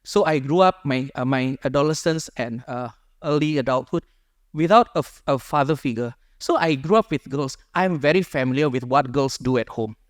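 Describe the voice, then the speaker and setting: An Indonesian friar tells a small group about his own life through a microphone, earnestly and conversationally, reworking his phrasing as he talks. His mid-range voice moves at a moderate pace, with clean studio sound and no echo.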